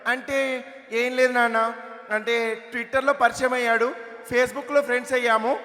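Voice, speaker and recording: A man's voice: very high voice, little pitch movement, pushed and bright, voice pushed up, heavily acted. A man putting on a coy teenage girl who draws out her words, at a comedy show through an echoey hall PA. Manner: coy, drawn-out.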